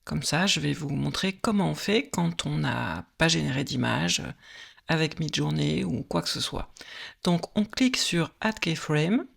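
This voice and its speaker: A woman narrating a screen-recorded software tutorial, explaining step by step with frequent hesitant filler pauses. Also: low voice, animated, creaky, slightly rough.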